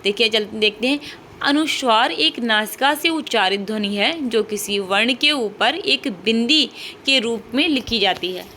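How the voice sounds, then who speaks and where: A woman's voice: a little high, unhurried, pushed and bright, slight background noise. A woman teaching an online class, explaining step by step and repeating key points with frequent checks and rhetorical questions.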